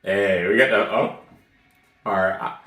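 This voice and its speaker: A man giving casual, excitable reaction commentary on an anime, joking and slangy. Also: low voice, unhurried, soft background music. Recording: echoey room.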